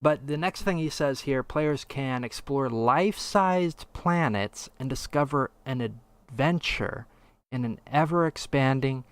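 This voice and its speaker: A man co-hosting a casual podcast reacts to a game trailer with sarcastic disbelief while chatting about the video. His mid-range voice is smooth and unhurried.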